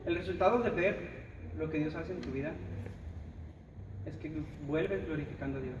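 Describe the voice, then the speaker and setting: A man preaches in a Mexican accent, his fairly high voice emphatic as he talks straight to his listeners. He is picked up from a distance in a reverberant church hall, and the sound is dull, with steady noise underneath. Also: moderate pace. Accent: Mexican Spanish. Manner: emphatic, speaks straight to the listener, acts out others' words. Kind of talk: sermon.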